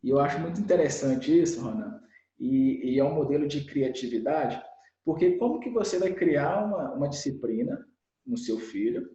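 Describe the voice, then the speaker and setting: A man with a Brazilian Portuguese accent, a children's educator being interviewed, explaining in an animated way and acting out the lines of parents and children. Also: on the high side, normal speed, roomy sound, lo-fi sound. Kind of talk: explanatory conversational talk.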